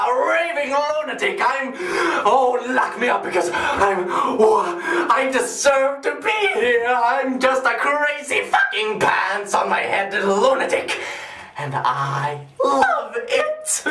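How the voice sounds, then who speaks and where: An actor playing a deranged, gleeful, sadistic clown supervillain in a theatrical monologue, mocking and erratic, recorded with a roomy echo. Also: male voice, sits high, distant mic, slight background noise, heavily acted. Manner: theatrical, mocking, erratic swings between whispering and shouting.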